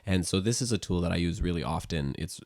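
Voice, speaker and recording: A man, a music teacher and sound therapist, gently explains a guided sound-healing exercise in calm, unhurried talk with frequent fillers. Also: sits low, dry recording, studio quality.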